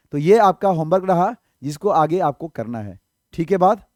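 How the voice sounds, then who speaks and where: A man's voice: fairly high pitch, darkish tone, dry recording, studio quality. A man teaching English vocabulary in an online exam-prep lesson, explaining patiently, asking rhetorical questions and checking in often.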